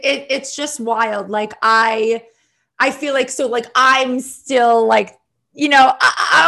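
A woman comedian hosts a podcast. She talks in a chatty, rambling way full of "like," with a fairly high voice. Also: pushed and bright. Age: 30s. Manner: chatty, heavy use of "like". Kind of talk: casual podcast chat.

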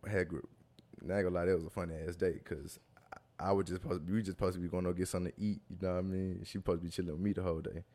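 Young male guest, very deep voice, slangy and loose, laughs through his stories. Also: mellow. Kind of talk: casual storytelling chat.

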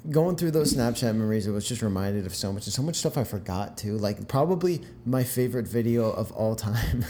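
Mellow, relaxed young man. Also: fairly low pitch, fairly quick, few pauses, a little hiss or hum. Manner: relaxed, rambling, with many restarts. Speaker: podcast co-host. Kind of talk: casual chat.

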